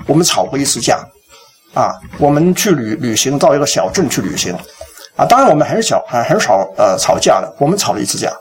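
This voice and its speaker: Animated high-voiced male preacher. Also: breathy edge. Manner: animated storytelling, acts out quotes. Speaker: pastor. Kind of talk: sermon.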